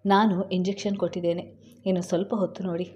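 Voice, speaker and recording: A woman voicing a calm, practical doctor giving matter-of-fact advice. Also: on the low side, fast, highs cut off, a little hiss or hum, natural voice. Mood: concerned.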